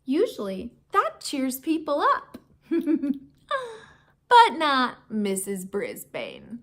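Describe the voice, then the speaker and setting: A woman teacher reads a children's storybook aloud very slowly, her high voice swooping wildly in pitch. Her theatrical, emphatic narration draws young listeners in.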